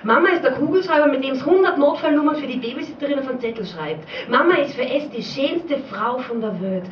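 A woman's voice: sits high, animated, a little fast, a little hiss or hum. A woman performing a spoken-word poem at a poetry slam in a rhythmic, repetitive way, in a small pub. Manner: rhythmic, repetitive, dialect-tinged recital. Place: small pub stage before an audience. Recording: dull, roomy live recording from far off.

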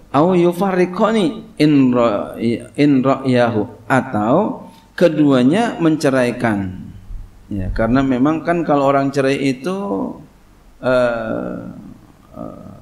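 Slightly mellow and medium in pitch, a man delivers a kitab study sermon as a cleric teaching tafsir. He reads the Arabic text at a slow pace and then explains it in everyday Indonesian, saying "ya" frequently.

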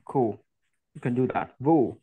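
A man's voice: medium pitch, measured pace, husky, no echo, phone-quality sound. A young man from Vietnam practicing English on a video call, hesitant and asking simple questions. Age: young adult. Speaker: English learner. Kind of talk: conversation practice. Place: indoor room.

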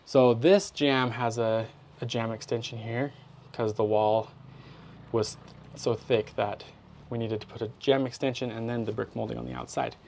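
A man's voice: medium pitch, steady tone, moderate pace, creaky, a little mellow, a little hiss or hum. A man in his thirties, a building contractor, giving an upbeat, chatty step-by-step walkthrough outdoors, filmed on a phone held at arm's length. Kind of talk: on-site how-to walkthrough. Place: outdoors at a basement walkout door.

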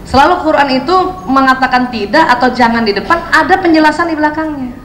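A woman in her fifties giving a lively religious parenting talk to mothers, acting out quoted speech and laughing often. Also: sits high, quick pace, reverberant, a little hiss or hum, low-quality recording. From Indonesia.

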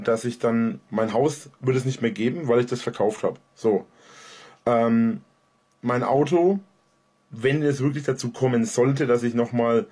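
A man's voice: medium pitch, a little mellow, slightly rough. A young man, talking in a casual rambling monologue as a video creator at home on a headset. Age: young adult.

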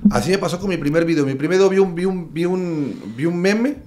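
A man with a Mexican accent, a comedian chatting casually, animated and profane. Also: sits high, fairly quick. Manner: animated, profane, acts out quotes. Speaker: guest comedian. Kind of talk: casual chat.

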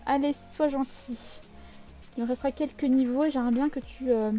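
A woman's voice: high voice, steady tone, fairly quick, dark tone, soft background music. A woman giving casual, chatty gameplay commentary with a playfully teasing manner. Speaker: video game let's player.

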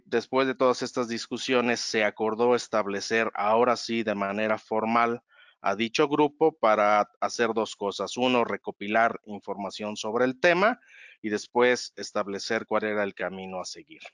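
A man presenting slides in a webinar, explaining in a measured way and calling for the next slide. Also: lowish voice, fairly bright tone, clean tone, dry recording.

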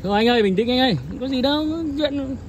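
A man's voice: very high-pitched, fast talker, crowd noise. Man playing a nervous peacemaker friend. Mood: placating. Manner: placating, nervous. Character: young man calming his drunk friend.

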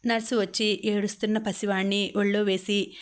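A woman narrating an audiobook novel in a steady, even reading. Her pitch sits in the middle and barely moves. The pace is unhurried.

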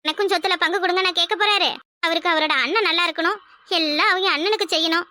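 A woman's voice: very high-pitched, fast talker, pushed and bright, no echo, clean studio sound. A woman with a southern Tamil accent from Kanyakumari voicing a fretful young village wife in a cartoon. She complains and laments, often exclaiming to herself. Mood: lamenting. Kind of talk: cartoon voice acting.

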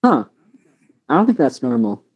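A woman's voice: extremely low pitch, sing-song, moderate pace, a little mellow, slightly rough. A woman hosting a VR gaming video, bossing her friends around and teasing them in casual chat. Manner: bossy, teasing, directing others. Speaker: gaming channel host.

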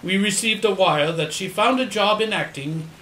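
A man playing an earnest doctor and loyal detective's companion, recounting events in a measured, explanatory way in an audio drama. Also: high voice, echoey room, lightly acted, poor audio. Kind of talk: audio drama acting, storytelling.

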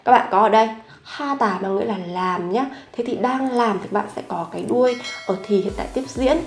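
A woman teaching a grammar lesson, explaining example sentences slowly and carefully and reading model sentences aloud more quickly. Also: fairly high pitch, roomy sound. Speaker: Korean language teacher.

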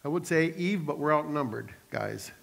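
Pastor guy preaching, lively storyteller, cracks jokes, kinda high voice, big church echo. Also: moderate pace, vocal fry. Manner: animated storytelling with joking asides. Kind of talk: sermon. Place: church sanctuary. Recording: long reverb of a church hall.

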